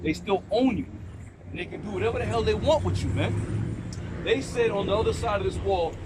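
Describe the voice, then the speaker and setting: A man's voice: sits high, expressive, brisk. A man in his forties preaching on the street in a blunt, profane, emphatic way. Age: 40s. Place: outdoors by a busy street. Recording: outdoor traffic noise.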